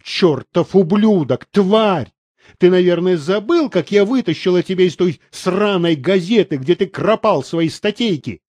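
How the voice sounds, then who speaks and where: Brief: man doing a haughty middle-aged woman publisher, cutting and scornful, lively high voice, dry close sound. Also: no room sound. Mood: furious. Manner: scornful, cutting, quick to anger. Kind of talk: audiobook character reading.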